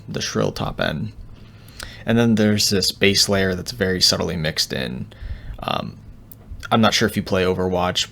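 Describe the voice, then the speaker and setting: An audio engineer with a low, gravelly voice full of fry and a fairly bright tone explains technical material. He speaks casually and unscripted, in a relaxed tutorial style.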